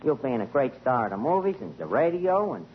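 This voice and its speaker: A man's voice: mid-range voice, big pitch swings, a little fast, muffled recording. Wisecracking man in a hissy old radio broadcast. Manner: wisecracking, folksy, drops into slangy grammar. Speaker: tavern manager answering the phone. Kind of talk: 1940s radio comedy acting.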